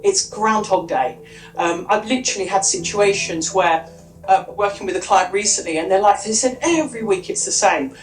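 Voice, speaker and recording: A woman presents to a conference audience in a chatty, off-the-cuff way, restarting sentences and adding asides. Her voice sits at an ordinary pitch for a woman. The room around her is echoey. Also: moderate pace, faint music behind. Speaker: conference speaker and workshop trainer.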